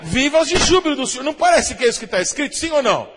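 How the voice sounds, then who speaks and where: A Brazilian pastor preaching a sermon, often asking the congregation "amém?" and imitating shofar blasts. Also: male voice, extremely high pitch, big pitch swings, racing, big-room sound, background noise. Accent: Brazilian Portuguese.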